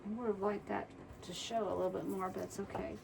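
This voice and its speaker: A woman's voice: mid-range voice, fairly even intonation, fast, vocal fry. A woman, chatting casually through a crafting tutorial and muttering to herself as she works. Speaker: wreath-making tutorial host. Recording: distant mic, faint background noise.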